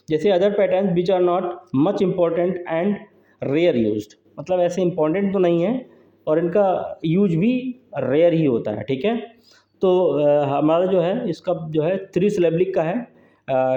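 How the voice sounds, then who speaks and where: A man's voice: high voice, dark tone. Man lecturing in an echoey room. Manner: repetitive, drills terms aloud, says "ठीक है दोस्तों" often. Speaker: English literature teacher. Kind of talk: exam-prep lecture. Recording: echoey room, dull lo-fi sound.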